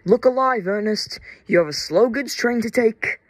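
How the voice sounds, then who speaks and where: A pesky yard manager barking orders and threats at a lazy engine, as a man puts him on. The voice is pushed noticeably higher than the narrator's own and recorded dry and close. A comic storybook parody. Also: measured pace, creaky, dry recording. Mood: bossy.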